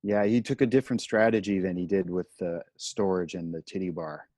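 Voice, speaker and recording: A man co-hosting a casual podcast discussion, halting as he searches for his words. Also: low-pitched, fairly even intonation, mellow, no echo, studio quality. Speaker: podcast co-host.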